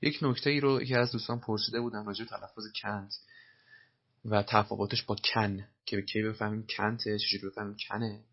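A man with a husky voice teaching English phrases, patiently explaining and repeating them slowly. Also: lowish voice, fairly even intonation, highs cut off.

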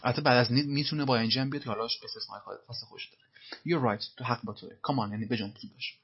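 A man teaching English, who slowly repeats phrases from film dialogue and then explains them. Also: medium pitch, lo-fi sound, over music.

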